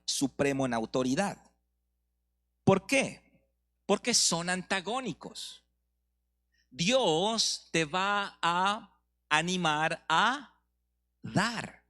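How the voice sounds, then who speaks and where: A middle-aged man with a Mexican Spanish accent preaching a sermon, asking rhetorical questions and slowing down for emphasis. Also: a little high, fairly bright tone. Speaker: pastor.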